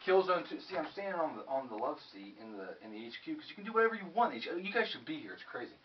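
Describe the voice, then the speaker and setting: A young man with a fairly high voice gives a casual tour of his game room and rambles from one item to the next. He slips in jokes with mock-serious asides. He is picked up from a distance by a camera held by someone filming, and the sound is muffled. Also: very animated, racing, noisy background. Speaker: YouTube vlogger.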